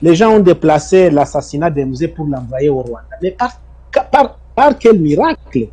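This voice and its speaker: A man's voice: a little high, big pitch swings, normal speed, mellow, husky. A middle-aged man from Congo, giving emphatic testimony in an interview and often repeating his words. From Congo (DRC). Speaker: interview guest, former detainee.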